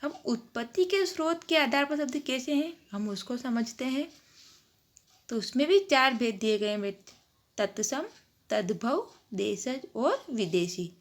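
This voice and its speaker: A woman's voice: on the high side, animated, a little slow. A woman teacher giving a grammar lesson to children, drawing out example words and asking the class questions.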